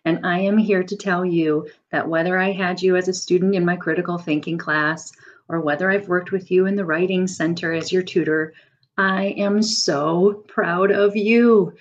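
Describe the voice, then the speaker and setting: An adjunct teacher in her thirties records an earnest, upbeat congratulatory message on her webcam. Her voice sits a little low, and the audio comes through dull and lo-fi. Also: steady tone, moderate pace. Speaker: adjunct faculty member.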